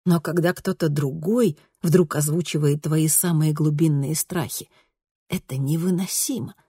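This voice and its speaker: A woman narrating an audiobook in a steady, expressive storytelling manner. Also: sits low, a little slow, slightly rough, no echo, studio quality. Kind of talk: scripted narration.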